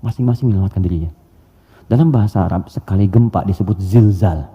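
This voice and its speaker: A man preaching a sermon, lively and full of rhetorical questions. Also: deep voice, fast talker, husky. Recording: dull audio with long hall reverb.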